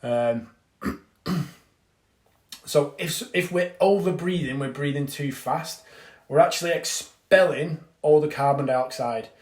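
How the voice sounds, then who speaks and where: A man, a fitness coach, giving a casual live-stream breathing lesson and answering viewers. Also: fairly high pitch. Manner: chatty, reads out viewer comments, swears casually. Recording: echoey room.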